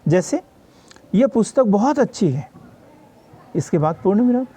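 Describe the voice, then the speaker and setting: A man's voice: high voice, big pitch swings, a little slow, mellow, slightly rough. A man teaching a grammar lesson for exam preparation. He explains patiently, repeats each definition and checks in with his students.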